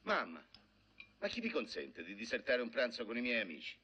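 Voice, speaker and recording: An actor playing a haughty, mocking nobleman with a Roman accent, talking in a sardonic, lively way. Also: medium pitch, fairly quick, breathy edge, full character voice. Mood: courtly, impatient. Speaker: marquis hosting guests. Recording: dull old film soundtrack with music.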